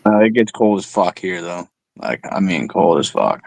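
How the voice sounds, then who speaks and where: Laid-back man in his thirties, lively pitch. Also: normal speed, vocal fry, a little hiss or hum, low-quality recording. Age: 30s. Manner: laid-back, laughs often, swears freely. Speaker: chat participant. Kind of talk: casual chat.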